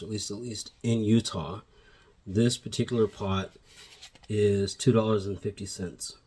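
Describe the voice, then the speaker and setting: Surrounded by plants indoors at home, a plant shop owner records a casual how-to vlog on his phone camera mic with slight background noise. His fairly low, slightly mellow voice is a little sniffly from allergies as he chats amiably to viewers, rambling and self-correcting.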